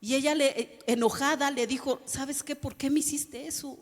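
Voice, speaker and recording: A woman's voice: high-pitched, steady tone, normal speed, big-room sound. A woman pastor preaching a sermon, addressing the congregation and asking them rhetorical questions. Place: church hall.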